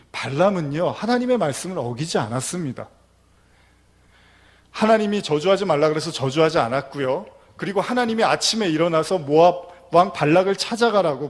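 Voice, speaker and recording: A man preaching a sermon as pastor, retelling a scripture story and reading passages aloud. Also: fairly high pitch. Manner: storytelling, reads scripture aloud and acts out quotes.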